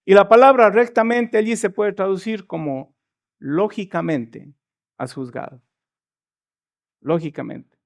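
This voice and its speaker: A man's voice: high-pitched, measured pace, creaky, long pauses. A man preaching a sermon in church, retelling a Bible story and acting out its dialogue. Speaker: pastor.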